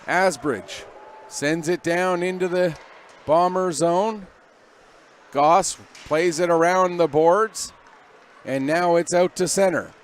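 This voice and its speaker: A man calling amateur ice hockey play-by-play at a local rink, giving brisk running calls of each play. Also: high voice, a little hiss or hum. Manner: brisk running play calls, rising when the action peaks. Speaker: play-by-play commentator.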